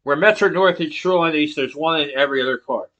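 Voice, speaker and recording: A man in his thirties speaks fast in a slightly high, fairly bright voice while making a persuasive class speech, partly read from notes, into a laptop webcam from below in a small room. He asks rhetorical questions and gestures emphatically. The audio is poor.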